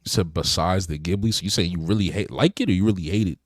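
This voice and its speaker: Low-voiced laid-back young man. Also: quick pace, no room sound, studio quality. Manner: laid-back, many fillers like "you know". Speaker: podcast co-host. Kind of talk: casual car chat.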